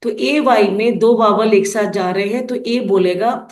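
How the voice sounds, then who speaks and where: Slow, careful woman teaching phonics. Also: medium pitch, echoey room. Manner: slow, careful, sounds out letters one by one. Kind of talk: instructional explanation for teachers.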